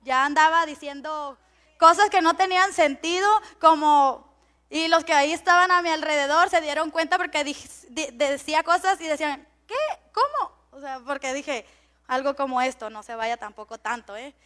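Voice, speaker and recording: A high-pitched, middle-aged woman preaching. She talks in a chatty, storytelling way and laughs often. Her sentences stumble and restart as she addresses her congregation. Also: normal speed, bright, forceful tone. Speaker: pastor. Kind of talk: sermon with personal story.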